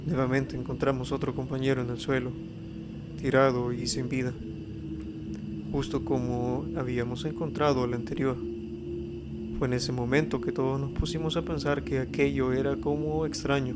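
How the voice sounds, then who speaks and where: A man narrating a horror story as scripted narration, reading in a steady, even way. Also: medium pitch, heavy background noise. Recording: eerie ambience under the voice. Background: spooky ambience and effects.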